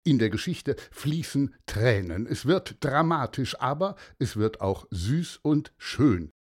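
Ein Mann, der Kindern eine Geschichte vorliest und sie direkt anspricht, plaudernd und gemütlich. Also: male voice, medium pitch, animated, slow, husky. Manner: warm, chatty, addresses children directly. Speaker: storyteller. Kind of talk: children's story narration.

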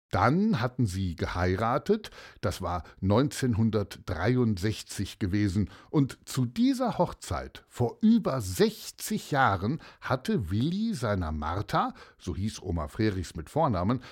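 A man narrating a children's story, expressive and addressing young listeners directly. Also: fairly low pitch.

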